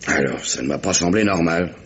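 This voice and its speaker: This French radio detective play features a male actor as a bad-tempered, impatient English merchant ship captain, speaking plainly and colloquially with a grumble. The low voice runs a little fast and a bit bright as he matter-of-factly recounts events, captured on a dull, noisy vintage recording.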